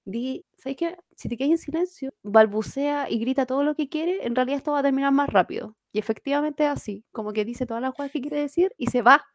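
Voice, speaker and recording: A Chilean woman in her late twenties telling stories in a casual chat, animated and slangy. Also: high-pitched, fast, hardly any pauses, no echo, clean studio sound. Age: 20s.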